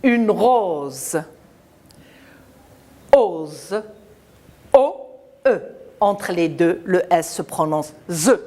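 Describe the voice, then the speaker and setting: A woman teacher walks young pupils through a French lesson at an unhurried pace. Her pitch rises and falls in a lively sing-song, and she stretches and repeats each word and sound for the children. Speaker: primary school teacher.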